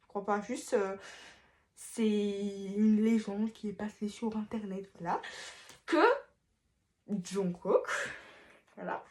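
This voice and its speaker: A woman's voice: medium pitch, fairly even intonation, takes it slowly, long pauses, warm tone. A woman vlogger chatting casually through a face mask, with a rambling, hesitant, playful way of talking full of fillers and restarts. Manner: playful, self-mocking asides. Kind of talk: casual chat.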